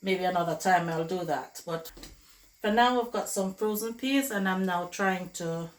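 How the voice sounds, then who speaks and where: On the low side and at normal speed, a hoarse, flu-worn woman's voice chats with viewers as guys while she cooks at home for her vlog. The casual tutorial is captured in an echoey kitchen with loud clatter from pots, dishes and running water.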